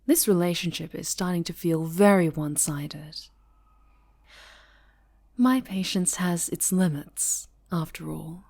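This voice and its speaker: Cooing and whispering with sweet menace, a woman portrays an obsessively devoted, sinister dark-angel superhero in close-up ASMR roleplay. Her lowish, creaky voice is a little slow, and the mood is stern and possessive.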